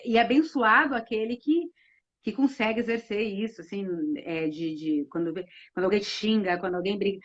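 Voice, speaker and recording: A woman's voice: mid-range voice, a little fast. A woman co-hosting a live religious talk, speaking reflectively with many fillers and restarts. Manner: reflective, many fillers and restarts, retells hadith with acted quotes. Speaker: co-host of Islamic live talk. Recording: muffled live-stream audio.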